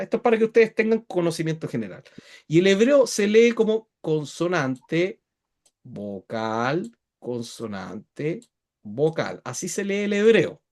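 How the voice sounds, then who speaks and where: A man teaching a Bible lesson online, explaining patiently and checking in often with quick tag questions. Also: high voice.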